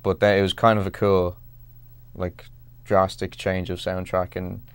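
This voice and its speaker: A young man from Ireland with an Irish accent, an actor chatting casually in an interview, halting and self-deprecating with lots of restarts. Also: deep voice, monotone, clear, resonant tone, dry recording. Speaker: actor guest.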